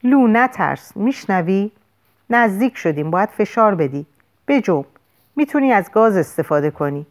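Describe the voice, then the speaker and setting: A woman voicing a firm, steady female paramedic giving urgent orders, in an audiobook. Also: medium pitch, close to an everyday voice.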